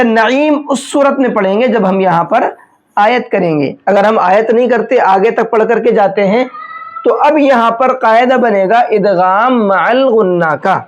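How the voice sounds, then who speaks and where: A man teaching a step-by-step recitation lesson. He explains each rule patiently, often checks that it is understood, and draws out slow examples. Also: high voice. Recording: dull lo-fi recording.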